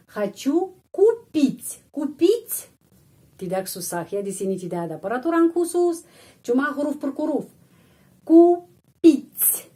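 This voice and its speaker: Woman slowly modeling pronunciation as a teacher. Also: mid-range voice, darkish tone. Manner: slow, deliberate, repeats words to model pronunciation. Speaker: Russian language teacher. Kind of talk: pronunciation lesson.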